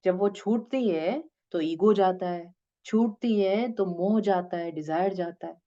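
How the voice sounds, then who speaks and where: A woman teaching a spiritual discourse to her students, gently coaxing them and slipping English phrases into her talk. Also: on the low side, unhurried, highs cut off. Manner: gentle, coaxing, addresses listeners as "beta".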